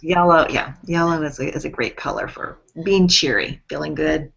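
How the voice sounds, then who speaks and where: Gravelly-voiced woman on a call. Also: low-pitched, normal speed, a bit bright. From Central Washington, USA. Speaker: discussion group member. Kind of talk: casual group discussion. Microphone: video call. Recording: dull lo-fi video call audio.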